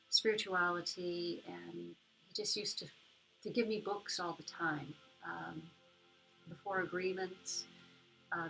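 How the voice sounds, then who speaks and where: Female meditation leader, lowish voice, gentle and unhurried, faint music underneath. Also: poor audio. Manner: soothing, unhurried, with long pauses between short phrases. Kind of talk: guided meditation in a soft, gentle spoken delivery.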